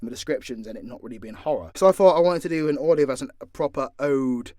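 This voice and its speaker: Warm-toned and quick, a British man's mid-range voice carries an off-the-cuff session where he, an audio drama creator, fields fans' questions. He's blunt and swears a lot. The sound is studio quality, with no room sound at all.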